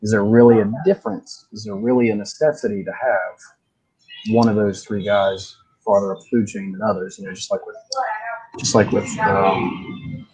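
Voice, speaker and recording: A man's voice: lowish voice, fairly even intonation, normal speed, a little mellow, husky, low-quality recording. A man co-hosting a casual movie review podcast, talking at length and posing questions to the others. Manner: expansive, asks the others questions. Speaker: podcast co-host.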